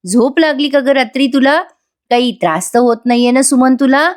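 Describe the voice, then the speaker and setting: A woman voicing a scheming older man from a TV serial who talks in a slow, falsely sweet coaxing way. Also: high voice, voice pushed up, natural voice.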